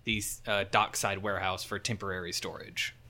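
A man's voice: low-pitched, level tone, moderate pace, pushed and bright. A man narrating a tabletop game as game master, setting scenes in a loose, casual way with fillers.

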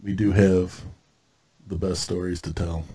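A man's voice: low voice, flat delivery, unhurried, warm tone, slightly rough. Crude, joking man hosting a podcast. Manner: crude, joking, freely profane. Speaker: podcast host. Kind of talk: casual banter and sign-off patter.

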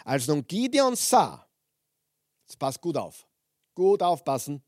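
A man preaching a sermon, reading Bible passages aloud with lively emphasis and stopping to explain them to his listeners. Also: a little high, takes it slowly, no room sound, studio quality.

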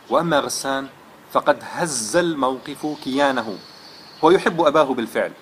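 A man's voice: medium pitch, fairly bright tone, a little hiss or hum. A man giving a religious lesson, telling a moral story in an earnest, dramatic way. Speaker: religious lecturer.

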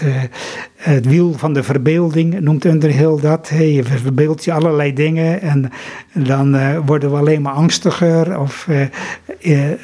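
A man's voice: a little high, warm tone, husky. A man who is an author and translator, speaking thoughtfully in an interview with frequent hesitations and reading passages aloud.

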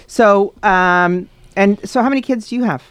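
An attentive interview host who laughs easily and keeps things moving. The voice is mid-pitched and dry with no room sound around it. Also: moderate pace, a bit bright, clean tone, no room sound.

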